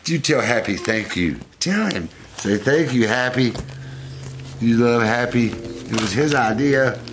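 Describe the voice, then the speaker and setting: A man's voice: medium pitch, expressive, a little slow. Guy cooing at his pet monkeys, voice going up and down a lot, noisy home video. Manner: doting, coaxing talk to his monkeys. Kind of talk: casual home video talk to pets.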